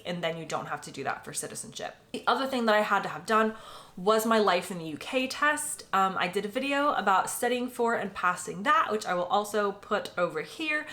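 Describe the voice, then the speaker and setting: A woman's voice: mid-range voice, sharp tone. Chatty American woman in her late twenties. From United States. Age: late 20s. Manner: chatty, filler-heavy, often says "like" and "um". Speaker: vlogger. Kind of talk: casual personal vlog.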